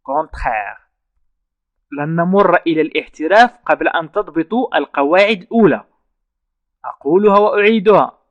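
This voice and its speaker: Man slowly teaching French verbs. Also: fairly high pitch, lively intonation, no room sound, muffled recording. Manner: slow, repeats French phrases word by word. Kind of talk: online language lesson.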